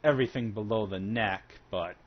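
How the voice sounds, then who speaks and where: A man narrating and talking in character as a game master in a halting, conversational way, on a dull recording. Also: fairly low pitch. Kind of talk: improvised tabletop game narration and in-character talk. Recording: dull lo-fi sound with faint noise.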